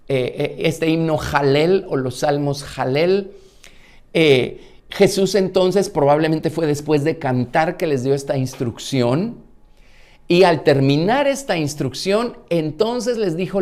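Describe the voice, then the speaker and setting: A man's voice: fairly high pitch, a little slow, a little mellow. A male pastor with a Guatemalan Spanish accent teaching a Bible study in a conversational sermon, with frequent fillers and restarts.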